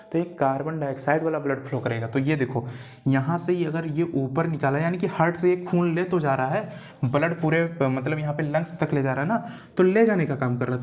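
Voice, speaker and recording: A man delivers a classroom biology lecture in a slightly higher-than-average male voice. He drills his students with rhetorical questions and repeats each key term. He spells words out letter by letter and calls them "beta". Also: darkish tone. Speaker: teacher.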